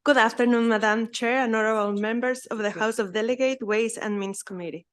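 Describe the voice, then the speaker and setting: A woman's voice: on the high side, fairly even intonation, a little fast. A woman from Ecuador with an Ecuadorian Spanish accent, a native Spanish speaker, earnestly reading prepared testimony as a public witness.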